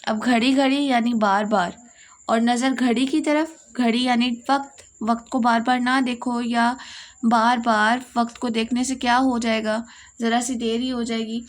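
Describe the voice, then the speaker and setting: A woman's voice: on the high side, fairly even intonation. A woman with a Pakistani Urdu accent teaching a lesson, explaining step by step and repeating key points.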